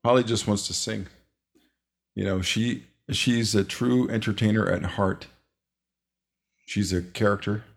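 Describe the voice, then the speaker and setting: A man hosting a casual podcast, talking in a rambling, relaxed way with many fillers. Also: fairly low pitch, measured pace, gravelly, long pauses. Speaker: podcast host.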